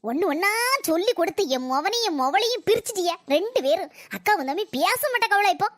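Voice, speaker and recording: A woman's voice: very high-pitched, animated, fast talker, no room sound, clean studio sound. A woman playing a bitter, quarrelsome old mother-in-law in a family skit, sarcastic and nagging. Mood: angry. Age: older.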